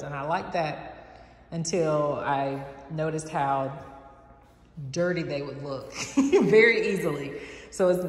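Holding her phone camera as she walks, a young Southern American vlogger narrates a casual tour of an empty house with bare rooms. She sounds low-pitched, chatty and enthusiastic, with many "like"s, and the indoor recording echoes through the empty space.

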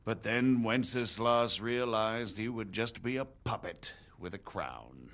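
Here the actor's voice sits lowish and moves slowly, with a slightly bright quality. His character is a grave visiting margrave, a middle-aged nobleman who measuredly and persuasively explains royal politics in the formal dialogue of a game cutscene.

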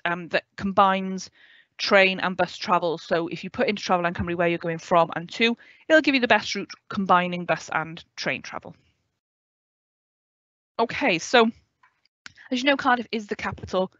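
A student adviser in her thirties from West Wales, with a Welsh accent, gives an online orientation talk and answers questions from a home room with a window. Her medium-pitched, slightly bright voice comes through a headset, and the video call audio sounds dry and dull. She explains clearly and in a friendly way, often checking in with "okay?".

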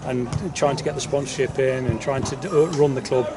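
A football manager gives an informal post-match interview outdoors on the pitch, often repeating his words. His mid-range voice shows little pitch movement and moves fairly quickly. A distant outdoor mic picks him up along with clear background noise.

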